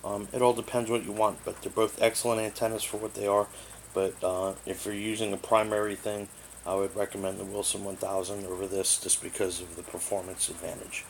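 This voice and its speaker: His voice sits on the low side with vocal fry, a level tone and a slightly fast pace. This product reviewer rambles through a matter-of-fact hands-on overview in a living room, captured as a noisy amateur tablet recording through the built-in mic.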